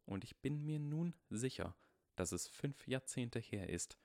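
A man voicing a stern, dignified older woman professor with slow, hushed, formal speech, as in an audiobook. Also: mid-range voice, animated, no room sound, clean studio sound, voice pushed up. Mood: grave.

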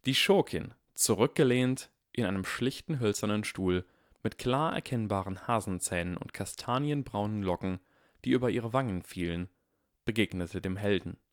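A man giving a measured, expressive scripted narration of a story. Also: lowish voice, no echo, studio quality. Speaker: audiobook narrator.

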